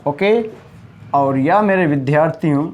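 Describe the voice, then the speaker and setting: Male teacher, spelling class for exam students; unhurried, drills each word twice, slightly high voice. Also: darkish tone. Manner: slow, repeats words for emphasis.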